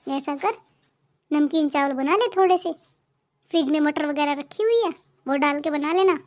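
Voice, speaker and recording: A woman voicing a very high-pitched scolding mother-in-law. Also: moderate pace, muffled recording, natural voice. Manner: scolding, sarcastic. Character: nagging, greedy middle-aged mother-in-law. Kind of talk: cartoon family drama voice-over.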